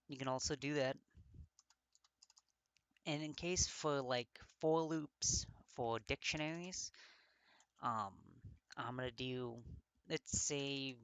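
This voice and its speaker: A man's voice: medium pitch, a bit bright, clear, resonant tone, dry recording. A man giving a casual coding walkthrough, thinking aloud with many fillers and often getting tongue-tied and correcting himself. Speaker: coding tutor.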